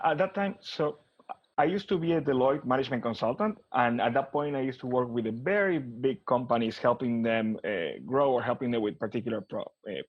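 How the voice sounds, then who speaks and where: An Argentine man with an Argentine Spanish accent, a business consultant, is a guest in a casual interview talking about his career. His voice is medium-pitched, he frequently restarts and repeats words, and the audio is dull.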